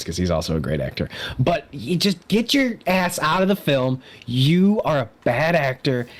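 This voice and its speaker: A young man co-hosting a movie podcast, his pitch swinging widely up and down as he rants. He sounds sarcastic and exasperated in casual chat. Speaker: podcast co-host.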